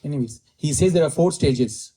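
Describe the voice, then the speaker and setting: A man's voice: on the high side, normal speed, warm tone, rough recording. A man with an Indian English accent giving a scripture lecture, repeating key phrases and slipping into Hindi. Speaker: spiritual teacher giving scripture class.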